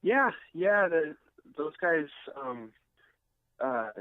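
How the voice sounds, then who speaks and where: Speaking very slowly, this US musician has a fairly high voice with big swings in pitch. He's a rock guitarist giving a casual, hesitant, unassuming interview, recorded dry on a thin, phone-like line.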